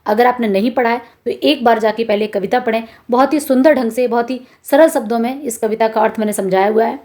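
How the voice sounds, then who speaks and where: A woman teaching a school lesson, patiently explaining exercises, slowing down to repeat examples and asking her students questions. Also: fairly high pitch, a little mellow. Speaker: Hindi teacher.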